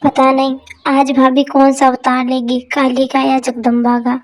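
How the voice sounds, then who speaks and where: A woman's voice: high-pitched, completely flat delivery, unhurried. A woman voicing a joking, nosy young brother-in-law in a fan dub drama, tossing off wisecracking asides. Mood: playful.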